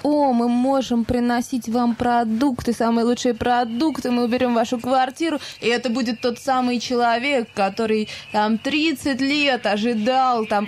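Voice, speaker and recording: A woman's voice: a little high, a little mellow, slight background noise. A woman co-hosting a casual studio chat, making dry, dismissive, misanthropic quips. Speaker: co-host.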